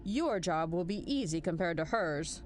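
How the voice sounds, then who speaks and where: Lightly acted with faint music behind her, this woman voices a stern military general in scripted audio drama, using a fairly low, expressive voice at a moderate pace. She delivers a formal, authoritative briefing, commanding and measured, with dry wit.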